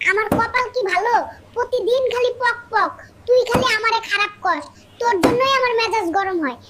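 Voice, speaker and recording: A squeaky cartoon voice doing a grumbling husband. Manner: scolding, fed up. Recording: loud background noise.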